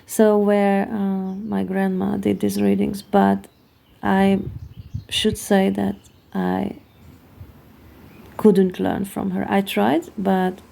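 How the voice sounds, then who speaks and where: Here a tarot card reader with a Hungarian accent explains a card reading slowly and haltingly, regularly stopping to find her words. Her medium-pitched voice carries a dark, mellow tone, very gravelly and thick with vocal fry.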